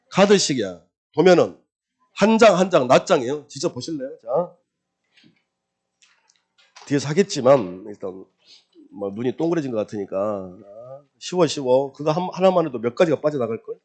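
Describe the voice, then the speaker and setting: A man's voice: medium pitch, a little mellow. A man teaching a real estate law exam-prep lecture, firing rhetorical questions at the class, answering them himself, and repeating key terms in a singsong drill.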